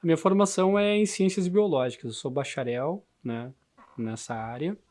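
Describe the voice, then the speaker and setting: A man with a southern Brazilian gaúcho accent, talking casually about himself in a halting way, often adding tag questions. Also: a little high, a little mellow, a little hiss or hum. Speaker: musician and handmade instrument builder. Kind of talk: casual interview monologue.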